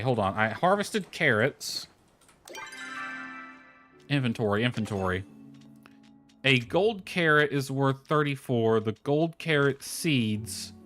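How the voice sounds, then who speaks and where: This game streamer's voice is mid-range and sharp. He chats casually and rambles as he plays on a livestream, working things out aloud while background music runs underneath.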